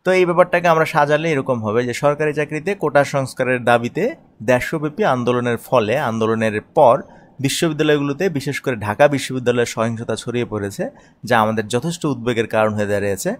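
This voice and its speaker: A man from Bangladesh, teaching English, who reads English phrases slowly and then translates and explains each one. He often asks himself questions and answers them. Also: mid-range voice. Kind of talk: explaining an editorial line by line.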